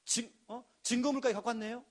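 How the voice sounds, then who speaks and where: High-voiced man preaching an emphatic sermon. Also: steady tone, quick pace. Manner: emphatic preaching with acted quotes. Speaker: pastor.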